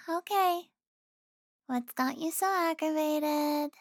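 A young woman playing an affectionate, teasing girlfriend in an intimate audio roleplay, speaking softly with sighs and giggles. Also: very high-pitched, drawn-out words, dry recording, studio quality, exaggerated voice.

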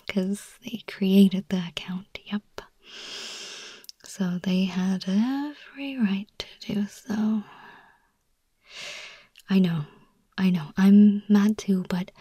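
A young woman performing a whispered ASMR roleplay as an anxious, broke young woman, speaking in a soft, confiding, pleading way. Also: medium pitch, dry recording. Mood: upset. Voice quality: breathy whisper.

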